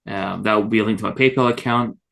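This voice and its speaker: A man hosting a podcast in casual, unscripted talk, halting and rephrasing as he goes. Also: fairly low pitch, steady tone, creaky, fairly bright tone. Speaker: podcast host.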